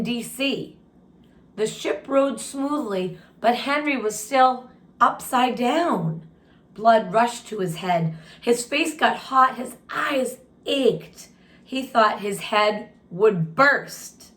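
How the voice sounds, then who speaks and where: A woman reads a story aloud to children as a storytime reader and teacher, expressive but slow and deliberate, stopping to comment and ask questions. Her voice is fairly high and fairly bright.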